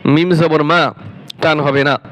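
A man teaching Quran reading in a slow spelled-out lesson, drawing out syllables and then explaining briskly, asking and answering his own questions. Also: a little high, steady tone, fairly bright tone.

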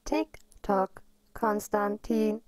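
A woman voicing a cold, calculating female clockwork computer with a metallic machine voice, measured and coaxing. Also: medium pitch, darkish tone, no echo. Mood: taunting. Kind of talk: audio story acting.

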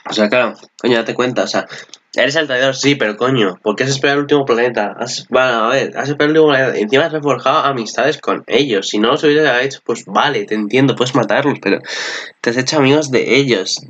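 A man's voice: mid-range voice, fast talker, a bit bright, muffled recording, a little hiss or hum. A man with a Spanish accent from Spain giving casual, rambling reaction commentary on an anime, swearing often.

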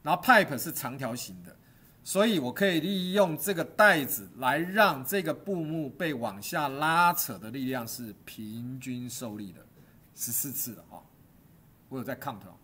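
A man's voice: mid-range voice, bright, forceful tone, slight background noise. A middle-aged man teaching a stagecraft class, quizzing his students, cracking jokes and dropping English terms into the lecture.

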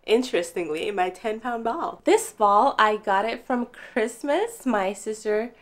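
A woman's voice: on the high side, a little slow. A young woman doing a casual, upbeat product review in her living room, chatting straight to the viewers. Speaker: home fitness vlogger. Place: bright living room at home.

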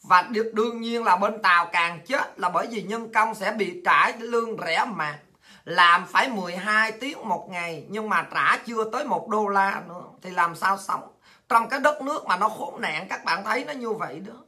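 A woman hosting a heated political monologue, coarse and insulting, with shouted taunts. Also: mid-range voice, normal speed. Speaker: political commentary host.

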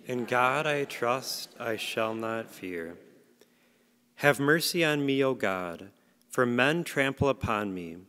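A male lector reads scripture and leads a psalm at an unhurried, solemn pace. His voice has a middling pitch for a man. A cathedral echo follows each phrase, a long reverb rolling through the large church. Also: fairly bright tone. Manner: measured, solemn reading. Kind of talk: liturgical reading and psalm.

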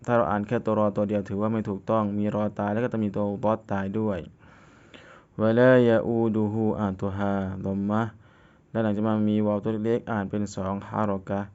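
A man with a low, smooth, resonant voice leads a recitation lesson. He speaks in a level, even tone, reciting each phrase and then breaking it down patiently. The audio is slightly dull and lo-fi. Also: fairly quick. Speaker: Quran reading teacher.

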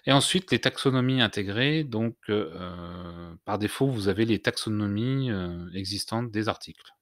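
A man hosting a screen-recorded software tutorial, explaining step by step with many hesitations and restarts. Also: lowish voice, normal speed, no room sound, studio quality. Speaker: tutorial host.

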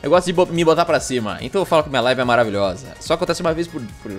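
A man's voice: fairly high pitch, expressive, very fast, soft background music. A man with a Brazilian accent chatting casually on a gaming livestream, rambling and joking at himself. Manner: rambling, jokey, self-mocking.

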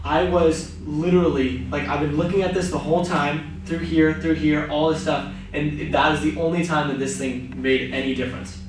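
A man's voice: fairly high pitch, steady tone, moderate pace, hardly any pauses, recorded from a distance. A young man chatting casually as he investigates a supposedly haunted room for a vlog. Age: young adult. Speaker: ghost-hunting vlogger. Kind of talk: casual chat while investigating. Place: small bare indoor hotel room. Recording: very echoey room, off-mic, music underneath.

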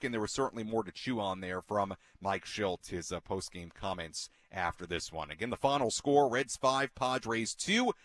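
A man's voice: fairly low pitch, a bit bright, dry recording. A man in his thirties hosting a postgame radio show from a ballpark booth, talking earnestly and emphatically on a headset mic, with many fillers and repeated words. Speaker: radio sports host. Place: broadcast booth inside a ballpark.

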